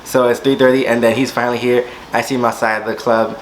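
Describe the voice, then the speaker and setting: A young man spins a storytime tale for his vlog, throwing himself into every quoted line and leaping into sudden high squeals. His voice sits at an ordinary middle pitch. A faint hiss lies under the recording. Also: little pitch movement, quick pace, low-quality recording. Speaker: vlogger.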